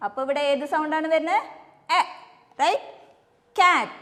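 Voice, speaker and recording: A woman with a Malayali English accent teaching phonics to young children, slowly spelling words letter by letter and quizzing the class. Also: high voice, in a large hall. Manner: slow, patient, spells out words letter by letter and asks questions. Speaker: kindergarten teacher.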